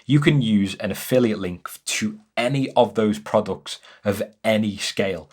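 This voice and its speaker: Brief: young guy, slightly low voice, enthusiastic and chatty, home studio explainer. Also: unhurried, darkish tone. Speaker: music business educator. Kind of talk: casual to-camera explainer. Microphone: camera-mounted mic.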